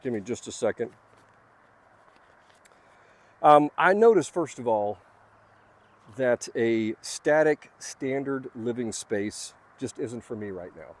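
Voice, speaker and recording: Speaking from his notes, a vlogger casually reflects on spiritual lessons from his own life, earnest and rambling, with fillers and restarts. His medium-pitched voice is expressive and unhurried.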